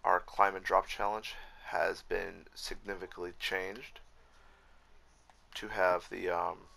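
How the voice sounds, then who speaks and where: A man's voice: low-pitched, little pitch movement, takes it slowly, creaky, sharp tone. A man giving casual, frustrated commentary while rebuilding a game map, swearing often and correcting himself as he goes. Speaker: Minecraft YouTuber.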